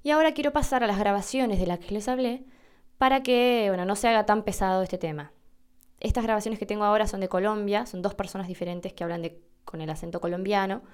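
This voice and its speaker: A woman's voice: medium pitch, fast talker, darkish tone, clean tone. Chatty Argentine woman podcast host. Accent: Argentine Spanish. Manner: chatty, self-deprecating, demonstrates pronunciations. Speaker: podcast host teaching Spanish. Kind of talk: casual educational podcast.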